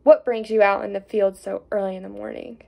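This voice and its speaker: A woman reading a storybook aloud, voicing a haughty, sneering male hare in a loud, proud tone. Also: mid-range voice, fairly even intonation, a little fast, vocal fry, highs cut off, pitched below the performer's own voice, close to an everyday voice. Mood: scornful. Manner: scornful and proud.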